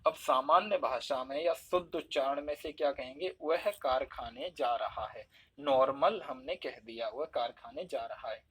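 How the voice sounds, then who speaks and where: Husky-voiced man teaching a lesson. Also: medium pitch, a little slow. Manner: explains step by step, acts out examples with shifting stress. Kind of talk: spoken Hindi lesson.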